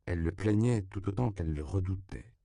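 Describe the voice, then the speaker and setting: A man narrates a novel in a deep, gravelly voice, measured and unhurried. The recording is dry and close, with no room sound. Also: warm tone, no room sound.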